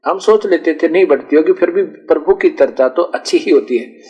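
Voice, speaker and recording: Rustic preacher, fairly high voice. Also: male voice, normal speed, a little mellow, lo-fi sound. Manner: rustic, conversational, recounts dialogues with self-corrections. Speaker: spiritual preacher. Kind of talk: storytelling sermon.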